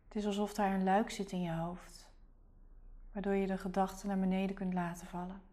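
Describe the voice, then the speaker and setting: A woman guiding a relaxation meditation in a soft, calm, soothing whisper. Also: mid-range voice, brisk. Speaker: meditation guide.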